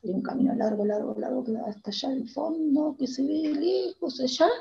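Actress as young girl, Argentine accent, hesitant stage monologue; mellow, husky-gravelly, muffled lo-fi sound. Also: high voice. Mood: wistful. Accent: Argentine Spanish. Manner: hesitant, halting, many restarts. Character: timid young girl, eager to reassure. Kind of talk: theater monologue, reliving a memory.

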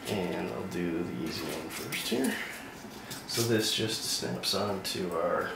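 A Canadian man from northwestern Ontario hosts a miniature crafting tutorial, chatting and rambling as he paints a model at an indoor hobby workbench. His voice is low and slow, with vocal fry. The recording is roomy, with a distant mic and loud background noise.

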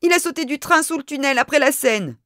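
Shrill, excited lady passenger, put on by a woman reader, high and insistent, in a dry close recording. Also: fairly quick, no room sound. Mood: agitated.

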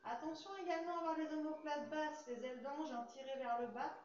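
A woman with a French accent, a Pilates instructor calmly guiding a class through exercises and breathing cues. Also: high voice, brisk. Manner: calm, coaching cues with breath counts. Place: fitness studio. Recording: very echoey studio, slightly dull sound.

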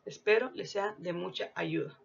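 Gravelly woman teacher, lo-fi recording. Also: fairly low pitch. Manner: deliberate, explanatory, reads out lists of example words. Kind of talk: scripted lesson narration. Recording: dull lo-fi recording.

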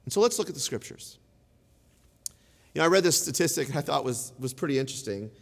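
A man's voice: mid-range voice, lively intonation, fast talker, creaky, in a large hall. A man in his thirties preaching a sermon, telling stories in a loose, conversational way full of fillers. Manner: conversational storytelling, many "like" fillers. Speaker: pastor. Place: large church auditorium.

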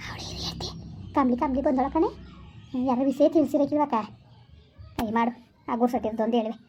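A woman playing a sharp-tongued middle-aged village woman who sighs and gossips. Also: high voice, muffled recording, slight background noise, lightly acted. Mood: scornful. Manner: sighing, lamenting, gossipy.

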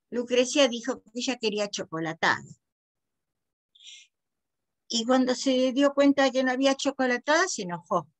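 Brief: Argentine woman storyteller, high voice, lively and expressive delivery. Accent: Rioplatense Argentine. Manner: expressive, with big pitch swings for emphasis. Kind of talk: oral storytelling.

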